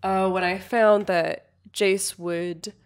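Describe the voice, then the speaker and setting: A woman's voice: mid-range voice, fairly even intonation, slow. A young adult woman co-hosting a podcast in casual chat, talking in a chatty way full of fillers. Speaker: podcast co-host.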